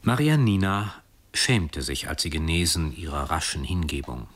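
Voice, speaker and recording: A man reading a literary story aloud in a calm, expressive way with soft, hushed passages. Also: rumbling low, normal speed. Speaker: reader.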